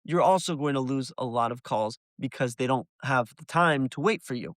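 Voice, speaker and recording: Clean studio sound with no echo carries a man's medium-pitched voice at normal speed. He's a window cleaner giving a step-by-step business tutorial aimed directly at the listener.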